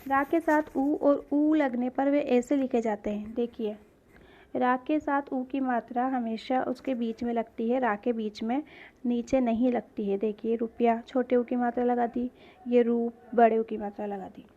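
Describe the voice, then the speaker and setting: A woman's voice: on the high side, fairly even intonation, measured pace, warm tone, muffled recording. A woman teaching a grade-school grammar lesson, asking questions and answering them herself, spelling out sounds one by one.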